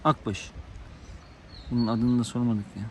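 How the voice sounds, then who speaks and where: A man vlogging outdoors on a rural farm, excitable and talking soothingly to dogs. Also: medium pitch, measured pace, slight background noise. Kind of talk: casual outdoor vlog with dogs.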